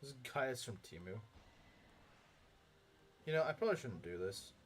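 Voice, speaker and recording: A young man's mid-range voice takes on a sing-song quality at a moderate pace while he streams a game. He chats casually with viewers, reading chat and rambling through thoughts with lots of filler words and chuckles.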